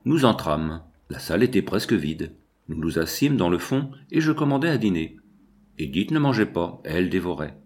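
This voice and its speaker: A man reading a novel aloud in first person, with measured, expressive storytelling. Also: low-pitched. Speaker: audiobook narrator.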